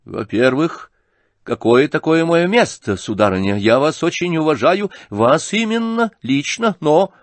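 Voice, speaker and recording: A man's voice: a little high, expressive, a little slow, dry recording, pitched above the performer's own voice. A man voicing a sickly, sarcastic young man who needles and mocks. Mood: mocking. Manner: mocking, needling.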